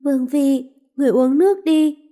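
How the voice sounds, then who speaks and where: A woman voicing a gentle young maid who speaks in a soothing way. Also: high voice, moderate pace, pitched above the performer's own voice, lightly acted.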